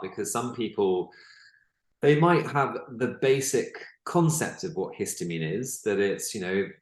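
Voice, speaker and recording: A male podcast host with a deep, low voice asks measured questions. His voice rings with a noticeable room echo, as if he is recording in a bare space. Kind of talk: interview questions. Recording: roomy echo.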